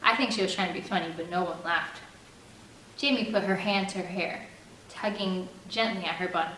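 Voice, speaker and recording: An audiobook reader with a lowish, fairly bright voice narrates a first-person novel expressively at normal speed. The mic sits back in an echoey room, and a faint air-conditioner hum runs underneath throughout.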